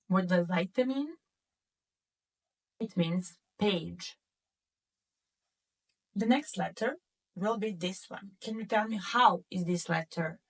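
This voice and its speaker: Woman, language teacher, unhurried delivery, quizzes the class, repeats each word, distant mic. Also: mid-range voice. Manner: asks the class questions, repeats words twice. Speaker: German teacher. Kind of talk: slow classroom lesson explaining pronunciation.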